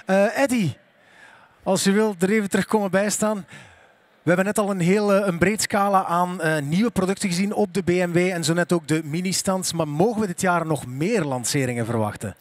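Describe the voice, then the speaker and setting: A man's voice: sits high, a little fast, dry recording. A man hosting a press conference, talking loosely with frequent fillers. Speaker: host. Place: expo hall.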